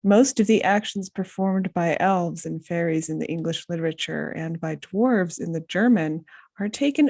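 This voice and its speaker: A woman's voice: on the low side, gravelly, darkish tone. A woman co-hosting a casual group podcast, reading a passage aloud with joking asides. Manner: laughs often, reads with asides. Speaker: podcast co-host.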